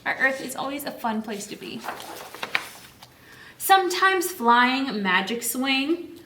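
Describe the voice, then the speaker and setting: Leading children's story time, a very animated woman with a high voice reads a picture book slowly, explaining in simple teacherly terms and answering the questions she asks. The distant mic captures an echoey room with a noisy background.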